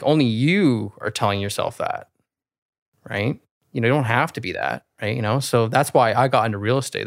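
A man in his thirties speaks in a low, smooth and resonant voice, recorded close and dry. He talks earnestly and reflectively on a casual podcast, padding his thoughts with fillers. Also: no echo. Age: 30s. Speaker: guest realtor.

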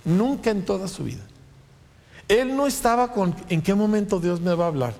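A man preaching a sermon in a church, firing off rhetorical questions and quick asides. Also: high voice, expressive, gravelly, a little mellow. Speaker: pastor. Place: church sanctuary. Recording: long church reverb.

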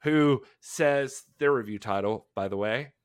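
A man's voice: mid-range voice, measured pace, clean tone. A man hosting a podcast, reading reviews aloud with dramatic emphasis in a casual chat. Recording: echoey room.

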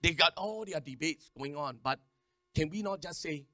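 A man preaching a sermon, repeating words in quick stammering runs and calling on the congregation to respond. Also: a little high, pushed and bright, dry recording. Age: 50s. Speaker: pastor.

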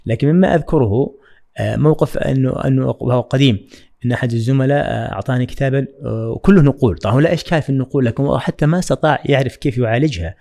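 A man talks quickly as a podcast guest, with a mellow, dark tone. He speaks in a measured, reflective way and often stops to hesitate. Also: medium pitch, gravelly. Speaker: guest, writing trainer. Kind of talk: podcast interview.

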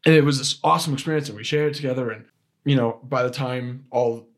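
A man's voice: mid-range voice, steady tone, fast. A young man, a podcast guest, telling a personal story in casual chat, full of restarts and filler words. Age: young adult. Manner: rambling, with frequent restarts and "like" fillers.

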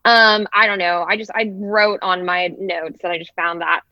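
A woman chatting on a casual podcast, candid and quick to laugh. Her mid-pitched voice comes through a slightly dull, muffled mic, dry with no room sound. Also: fairly even intonation, no room sound.

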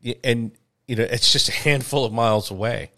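A middle-aged man, co-hosting a podcast in casual chat, rambling and halting with many fillers. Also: medium pitch, sharp tone, no room sound, studio quality. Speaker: podcast co-host.

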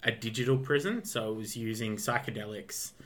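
A man's voice: fairly low pitch, brisk, a bit bright. A young Australian man chatting in an easygoing, teasing way. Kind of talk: casual chat.

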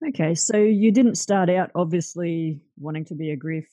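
A woman's voice: lowish voice, normal speed, mellow, no room sound. An Australian woman presenting a podcast as host in an upbeat, informal manner. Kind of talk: scripted show introduction and interview.

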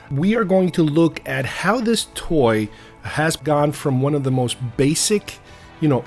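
A man hosting a podcast, talking casually and enthusiastically in a rambling way. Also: on the high side. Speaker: podcast host. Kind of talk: casual solo podcast talk.

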